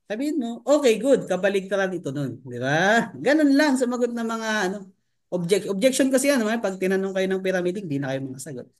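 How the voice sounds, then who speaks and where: Man, high voice, sales trainer, seminar talk, rhetorical questions to the room, English terms mixed in. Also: sing-song, fast. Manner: keeps asking the audience rhetorical questions. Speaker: network marketing trainer.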